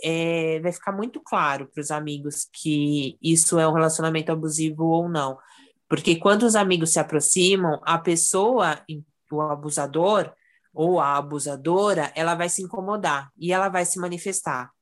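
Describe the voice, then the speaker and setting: Woman, lowish pitch, earnest storyteller in casual talk. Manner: earnest storyteller who acts out quoted remarks. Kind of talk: casual chat.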